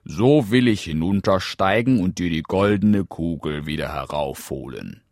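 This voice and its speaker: A man voicing a talking frog in a fairy tale, calling out in a high, loud, drawn-out voice. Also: animated, dry recording, studio quality. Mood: bargaining. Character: pleading talking frog from a well, male.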